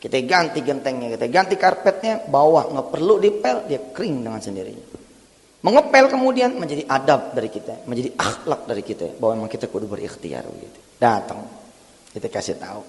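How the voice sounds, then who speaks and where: A man preaching a sermon, switching between lively talk and melodic chanted recitation of verses. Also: mid-range voice, a little fast. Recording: long hall reverb.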